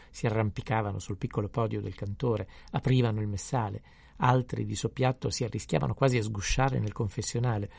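Male narrator, gravelly voice, dark tone, measured audiobook reading. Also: fairly low pitch, no room sound. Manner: measured, descriptive. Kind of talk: audiobook reading of a classic novel.

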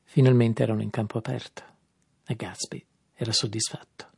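A man narrates a novel in a measured, subdued way. His voice is husky and gravelly, with a dry close sound. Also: lowish voice, flat delivery, no room sound. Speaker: audiobook narrator. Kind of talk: scripted narration.

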